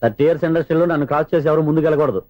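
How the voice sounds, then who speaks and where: An actor playing a pompous, self-important veteran of the film industry in a comedy scene. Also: male voice, on the high side, rapid-fire, dark tone, soft background music, lightly acted. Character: boastful veteran film man, man. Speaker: film character.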